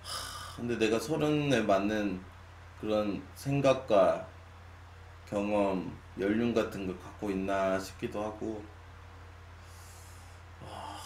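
Late at night, a male streamer of twenty-nine talks casually with his viewers from a desk in a small room, his voice lowish, slow and full of pauses. Long sighs punctuate his musings as his volume wanders from loud to quiet, over an echoey room with a faint hum.

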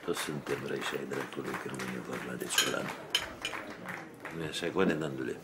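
A man's voice: extremely low pitch, a loud crowd, very noisy. A man playing a menacing crime boss who hosts a feast and speaks in a commanding, threatening way. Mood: warning. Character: menacing older male mob godfather, gravelly. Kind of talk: film dialogue.

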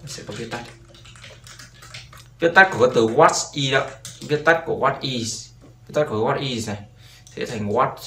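In a beginner English lesson, a man's medium-pitched voice comes across bright and forceful as he patiently repeats each word, frequently asking "right?". There's a roomy echo and faint background noise.

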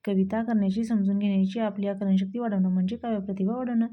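Fond, scolding grandmother read by a woman, teasing rhymes, mid pitch. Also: steady tone, fast talker, muffled recording, natural voice. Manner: rhyming, teasing domestic banter.

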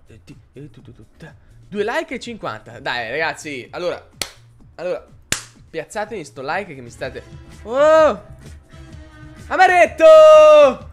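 A man's voice: fairly high pitch, big pitch swings, moderate pace, a bit bright, faint music behind. A man streaming live, chatting casually and rambling as he answers his chat viewers.

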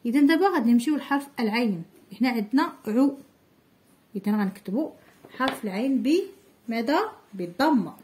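This is a woman with a Moroccan Arabic accent giving a handwriting lesson to small children. Her voice sits a little high. She is patient and slowly draws out each syllable so the children can repeat after her. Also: expressive, darkish tone, a little hiss or hum. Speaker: primary school teacher.

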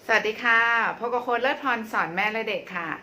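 A woman parenting coach explaining child language development to mothers, in a gentle, repetitive way with frequent polite particles. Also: on the high side, fast talker, a little hiss or hum. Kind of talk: instructional talk to mothers.

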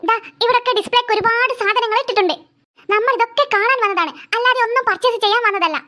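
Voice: very high voice, fast, bright, forceful tone. A voice actor playing a stern mother in a cartoon who scolds her daughter and refuses to buy anything on a trip. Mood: scolding. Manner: scolding, nagging. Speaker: cartoon character. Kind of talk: cartoon voice acting.

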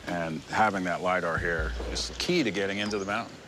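A man's voice: low-pitched, brisk, noisy background. A middle-aged man, a treasure hunter, talking in a plainspoken, practical way outdoors at a jungle base camp on a lapel mic. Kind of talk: field talk on expedition.

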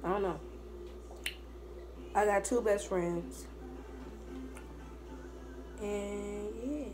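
A woman's voice: mid-range voice, drawn-out words, music in the background. Young woman chatting with her mouth full. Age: young adult. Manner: talking with mouth full while eating. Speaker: vlogger. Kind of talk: casual chat to camera. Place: small room at home, indoors. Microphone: phone or laptop propped at arm's length. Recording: noisy room, cutlery and dish clatter.

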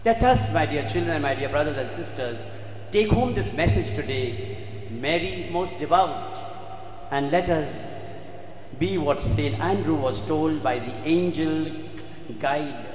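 Inside a church, an Indian priest preaches a sermon slowly and solemnly, his slightly high, darkish male voice echoing through the hall. His delivery is emphatic and dramatic, full of repeated phrases and pauses, with faint background noise.

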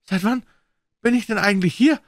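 A man doing a frantic, shrill prisoner. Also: a little fast, no room sound, clean studio sound. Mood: panicked. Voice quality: hoarse. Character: panicked male prisoner, frantic and bewildered.

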